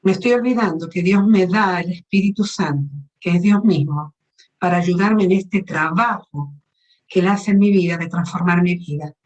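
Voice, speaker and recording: A woman's voice: on the low side, normal speed, a little mellow, highs cut off. A woman preaching a teaching sermon at a women's meeting, asking her listeners questions and explaining Greek words.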